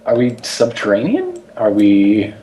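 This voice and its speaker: A man with a fairly low, lively voice plays a tabletop game. His banter is casual and varied in pitch, over faint noise. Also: measured pace.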